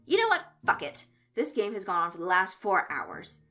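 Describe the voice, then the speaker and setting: A woman's voice: medium pitch, very animated, normal speed, bright, forceful tone, soft background music. A woman reading a fanfic aloud, voicing an exasperated teenage boy running a tabletop game.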